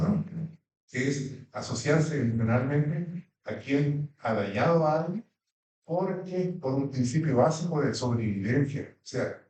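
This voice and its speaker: A man's voice: mid-range voice, dark tone. A man speaking earnestly as a panelist, stressing his points. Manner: earnest, emphatic lecturing. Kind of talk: panel talk. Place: consulate event hall. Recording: echoey hall, distant mic.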